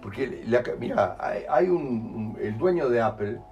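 A man with a Rioplatense Spanish accent explains to a group at a middle pitch. He talks in an animated way and slips into quoted voices. Soft music plays faintly in the background. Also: a little slow, dull audio. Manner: animated, acts out quoted voices, keeps asking "¿entendés?". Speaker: group workshop leader.

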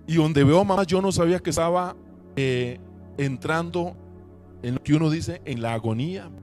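A man preaching a sermon in church, telling a personal testimony with emotion, rising to loud preaching and dropping to hushed recollection. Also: a little high, normal speed, soft background music. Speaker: pastor. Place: church service.

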